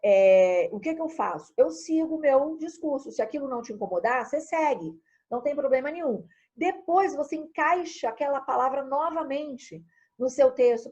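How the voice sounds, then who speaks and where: A Brazilian woman teaching an online class in a lively, chatty way, speaking straight to her students. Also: high-pitched, highs cut off. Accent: Brazilian Portuguese. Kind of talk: recorded online lesson.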